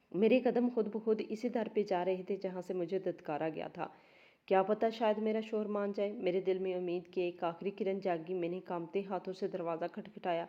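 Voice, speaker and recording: A woman's voice: medium pitch, lo-fi sound. A woman reading a first-person story aloud as a storyteller, in an emotional, dramatic manner.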